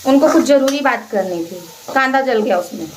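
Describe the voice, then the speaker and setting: As she cooks in her home kitchen, a young family vlogger and mother of two chats casually with her viewers, venting and explaining along the way. She speaks a little fast with lively intonation in a fairly high voice, recorded from a distance in an echoey room with light background noise.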